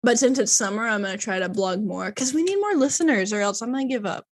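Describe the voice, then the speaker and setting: A woman's voice: on the high side, animated, fast talker, dry recording. A woman co-hosting a podcast in casual chat, rambling and laughing often. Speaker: podcast co-host.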